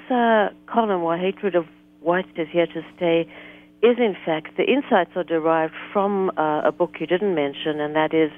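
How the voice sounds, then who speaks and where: Phone-in guest, woman from South Africa, articulate and pointed, thin phone-line sound. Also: lowish voice. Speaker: guest author. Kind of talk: political talk radio interview.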